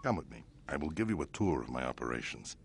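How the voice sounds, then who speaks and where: An actor playing a smooth, self-satisfied male crime boss who speaks in a grand, smug way. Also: a bass voice, sing-song, fast, a little hiss or hum, heavily acted.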